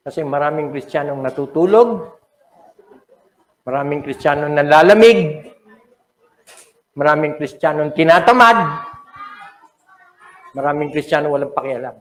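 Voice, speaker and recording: Older Filipino pastor preaching dramatically, high voice. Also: male voice. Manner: emotional, dramatic preaching mixing English and Tagalog. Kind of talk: sermon. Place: church sanctuary. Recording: echoey church hall.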